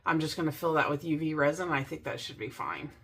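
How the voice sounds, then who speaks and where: A middle-aged woman hosting a casual DIY crafting vlog from a home craft room, gushing and excited as she talks to her viewers. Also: low voice, fast, creaky, breathy edge. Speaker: crafting channel host.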